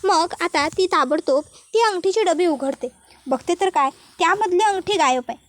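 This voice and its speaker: A woman's voice: very high-pitched, normal speed. A woman narrating a recap of a TV serial episode, retelling it steadily with many linking phrases. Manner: steady retelling with frequent connectives. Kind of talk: scripted story recap narration.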